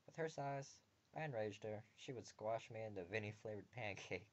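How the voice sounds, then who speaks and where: A man with a fairly low voice reads a visual novel at a moderate pace, hosting a game video. He keeps the narration and dialogue mostly plain and tosses in joking comments between passages. Faint ambience sits behind a dull, lo-fi home recording.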